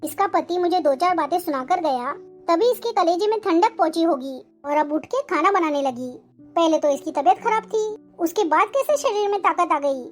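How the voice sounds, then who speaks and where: A woman's voice: very high voice, expressive, moderate pace, soft background music. A woman voicing a scolding, self-pitying old mother-in-law in a cartoon family drama, talking in a melodramatic, complaining way. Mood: vengeful.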